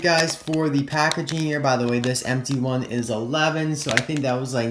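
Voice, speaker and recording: Young American male review host, chatty, slightly distorted after-wisdom-teeth diction, echoey room with faint background noise. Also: medium pitch. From United States. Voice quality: slightly distorted, mouth-sore speech after wisdom tooth removal. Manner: chatty, addresses viewers as guys. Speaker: toy collector and review host. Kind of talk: casual scripted-free product review to camera. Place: indoor room at a tabletop. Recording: roomy echo, faint hiss and crinkling. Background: crinkling plastic packaging, clicks.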